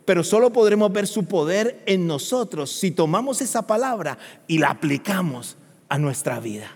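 High-voiced preacher man in reverberant church. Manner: swings from hushed to shouted, dramatic storytelling. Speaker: pastor. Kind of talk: sermon.

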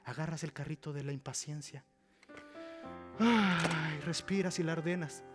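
Hombre predicando en la iglesia, bastante agudo para ser hombre, de gritar a susurrar, pianito de fondo. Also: male voice, on the high side, measured pace. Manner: animated preaching, acting out dialogues, dropping to a whisper. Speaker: pastor. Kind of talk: sermon. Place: church with a live audience. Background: soft piano.

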